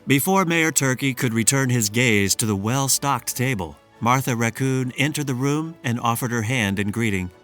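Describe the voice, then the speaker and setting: A man reading a children's storybook aloud in a measured, expressive storytelling manner. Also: mid-range voice, soft background music. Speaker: storybook reader. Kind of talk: scripted narration.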